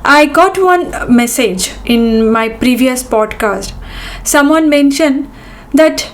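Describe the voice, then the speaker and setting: A middle-aged Indian woman, a native Bengali speaker, hosts a casual podcast monologue in Bengali-accented English. Her voice is high-pitched and slow, full of fillers and restarts.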